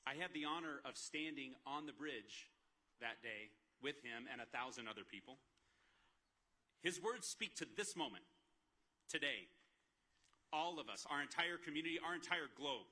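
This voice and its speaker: Bright-voiced man giving a commencement speech. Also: medium pitch, normal speed, pauses often. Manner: earnest, listing thanks at a steady clip. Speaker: university president. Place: outdoor graduation ceremony over a PA.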